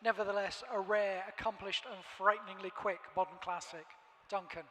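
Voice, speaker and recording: A man reads out auction lot descriptions as the announcer. His voice sits high but stays level, with a formal, measured catalogue delivery. It rings through a large, reverberant hall. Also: steady tone, bright, forceful tone.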